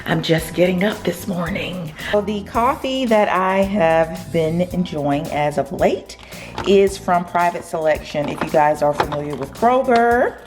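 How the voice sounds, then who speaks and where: A woman's voice: on the low side, measured pace, over music. A woman vlogging casually from her home kitchen in a groggy early-morning voice, chatting and rambling with fillers. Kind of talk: casual chat to camera.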